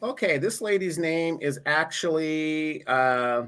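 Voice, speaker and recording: An opinionated man co-hosting a commentary show and speaking directly to his viewers. His voice is bright and forceful and sits slightly high. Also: animated, slow pace, smooth. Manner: opinionated, addresses the audience directly. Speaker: co-host, commentator. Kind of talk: casual commentary.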